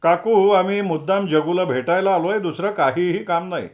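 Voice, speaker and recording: A man voicing a quick-tempered young friend who speaks high, loud and blunt. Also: lightly acted. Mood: brash.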